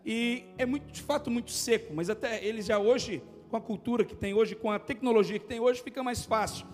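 A male pastor from Goiânia with a Brazilian accent, preaching an animated, jokey sermon in a church and often shouting. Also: very high voice, fairly quick, in a large hall. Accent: Brazilian Portuguese, from Goiânia. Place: church hall.

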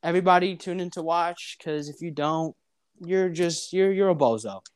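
A young man hosting a casual podcast chat, circling his questions with stop-and-start rambling. His voice is smooth and clear. The sound is close and dry, with no room around it. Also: a little high, no room sound. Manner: rambling, halting restarts. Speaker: podcast host. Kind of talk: casual interview.

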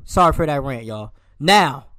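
A man's voice: medium pitch, animated, moderate pace, fairly bright tone, no echo. A man co-hosting a casual sports podcast, ranting animatedly and calling players and coaches out. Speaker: podcast co-host.

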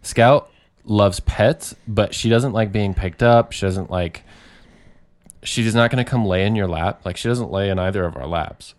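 A young man co-hosting a podcast in casual chat, relaxed and hedging as he talks. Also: lowish voice, measured pace. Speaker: podcast co-host.

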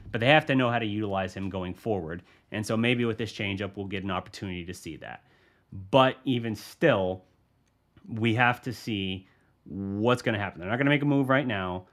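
Guy doing a solo sports podcast, lowish voice, chatty, restarts his sentences a lot. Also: a bit bright. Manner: conversational, thinking aloud with frequent restarts. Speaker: podcast host, sports journalist.

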